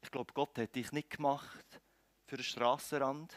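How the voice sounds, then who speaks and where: A man with a Swiss German accent preaching a sermon, swinging between loud calls and quiet, close lines. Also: medium pitch, fairly even intonation, normal speed, no room sound. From Switzerland.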